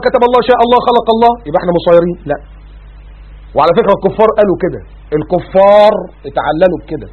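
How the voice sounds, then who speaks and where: Rapid-fire Egyptian preacher, husky and high. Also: male voice. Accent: Egyptian Arabic. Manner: animated, rhetorical questions, quotes scripture. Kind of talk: religious talk show sermon. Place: studio. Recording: narrow phone-like band.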